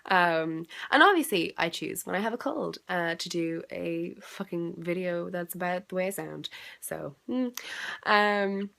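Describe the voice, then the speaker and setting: Speaking a little slowly in a lowish voice with vocal fry and a fairly bright tone, this young woman has a South Dublin Irish accent. She's a vlogger lying in bed at home with a cold, sounding congested as she casually answers a video challenge. She rambles, leaning on "like" and "um" and letting slip the odd swear.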